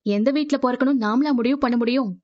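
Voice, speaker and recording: An actress voicing a gentle young daughter-in-law with a soft, concerned way of talking. Her voice is fairly high. The audio is dull and muffled, as if taken from a TV broadcast. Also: quick pace, natural voice. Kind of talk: Tamil serial drama.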